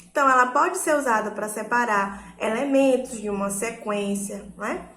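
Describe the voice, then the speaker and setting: A woman's voice: fairly high pitch, normal speed, echoey room. A woman teacher with a Brazilian Portuguese accent gives a primary school lesson, talking expressively and asking rhetorical questions. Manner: expressive, emphatic, asks rhetorical questions, often adds "né?". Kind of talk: recorded classroom lesson.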